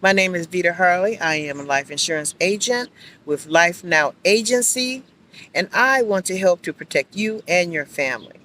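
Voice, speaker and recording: A woman's voice: fairly low pitch, lively intonation, moderate pace, a bit bright. A woman who works as a life insurance agent, talking to her viewers in an upbeat, chatty vlog while she is out on a walking track. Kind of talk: casual outdoor vlog. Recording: outdoor traffic noise.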